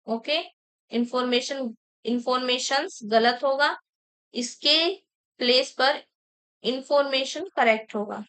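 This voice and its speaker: A woman teaching an exam-prep grammar lesson, slowly dictating example sentences and explaining each correction. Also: high voice, a bit bright, clean tone, low-quality recording. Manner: mixes Hindi explanation with English sentences.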